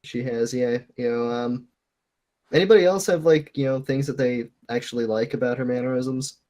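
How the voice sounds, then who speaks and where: A man's voice: mid-range voice, moderate pace, mellow. A man co-hosting a casual podcast, sarcastic and swearing freely. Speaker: podcast co-host and forum moderator.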